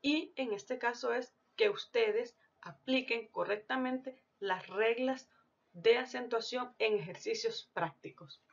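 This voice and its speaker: A woman teacher narrating a recorded lesson in a deliberate, explanatory way, reading out lists of example words one by one. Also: on the high side, vocal fry. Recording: dull lo-fi recording.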